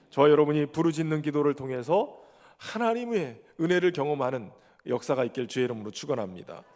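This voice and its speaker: A man's voice: a little high, a little mellow. A man preaching a sermon as pastor in a church sanctuary. He poses rhetorical questions and then answers them himself. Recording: long hall reverb.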